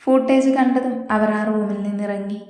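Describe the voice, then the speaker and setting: A woman's voice: medium pitch, steady tone, moderate pace, warm tone. Echoey woman reading a love story. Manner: reads all the characters' lines herself, switching voices. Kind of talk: reading a romantic story aloud. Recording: very echoey room with a long reverb.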